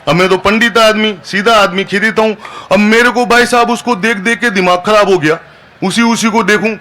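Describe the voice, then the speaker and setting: A man's voice: high voice, steady tone, normal speed, bright, forceful tone. A man, a comic poet reciting live on a festival stage, chatty and always asking the crowd "haan?". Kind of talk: live stand-up poetry recital.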